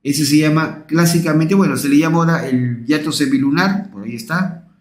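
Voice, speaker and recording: A man's voice: a little high, brisk, roomy sound. A man giving a recorded anatomy lecture, repeating each term and checking in with his students. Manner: repetitive, checks in with listeners.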